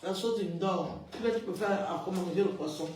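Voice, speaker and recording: A woman's voice: fairly low pitch, moderate pace, a little mellow, distant mic, slight background noise. A woman talking casually on a live stream, chatty and emphatic, often repeating her phrases. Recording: echoey room, away from the mic.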